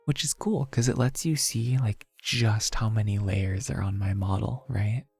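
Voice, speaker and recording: Creaky, playful streamer with an unhurried pace. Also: medium pitch, steady tone, darkish tone, faint music behind. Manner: playful, goofy, with sing-song nonsense exclamations. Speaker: livestreamer. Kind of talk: casual playful chat to livestream viewers.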